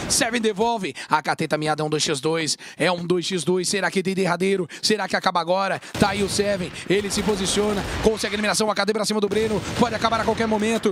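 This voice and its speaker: Brazilian male voice, high pitch, esports play-by-play announcer, excitable drawn-out calls, clearly noisy broadcast. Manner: excited, drawn-out shouts on big plays. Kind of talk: live esports commentary, fighting game announcer style.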